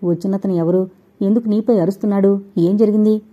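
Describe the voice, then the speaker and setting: A woman voicing a worried, gentle young man in an audio novel, asking soft, concerned questions. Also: mid-range voice, steady tone, fairly quick, slightly rough, dull audio, natural voice.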